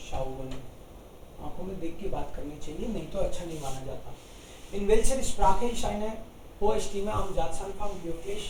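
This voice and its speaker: A man teaching a German lesson, explaining each German sentence slowly in Hindi. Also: high voice, recorded from a distance, background noise. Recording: echoey room, voice from off-mic.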